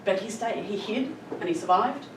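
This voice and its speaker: A woman's voice: medium pitch, animated, moderate pace. A middle-aged woman giving an explanatory public presentation as a conservation scientist, telling the story in an earnest, emphatic way. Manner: earnest, emphatic with stressed adverbs. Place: echoey room, recorded from a distance. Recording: roomy echo, distant mic, clear background noise.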